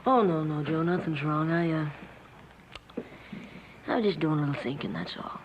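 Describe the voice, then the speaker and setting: A young actor playing an earnest, gentle young man who speaks softly and pleads hesitantly, in 1960s TV western acting. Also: fairly high pitch, normal speed, noisy background, close to an everyday voice. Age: young adult. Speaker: young singer visiting his uncle. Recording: dull vintage TV soundtrack with music.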